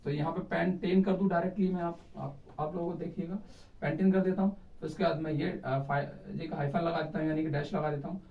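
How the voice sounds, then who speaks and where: High-voiced man teaching at a board. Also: steady tone, fairly quick. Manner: repeats checks like "clear?" and "theek hai", counting carbons aloud. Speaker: chemistry teacher. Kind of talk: board lesson. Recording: roomy, distant, dull lo-fi sound.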